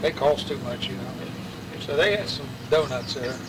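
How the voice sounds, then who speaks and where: Clear outdoor traffic noise and a distant mic frame this interview with an older man who has an Appalachian West Virginia accent. Medium-pitched and a little slow, he rambles through family memories in a folksy, colloquial oral-history style.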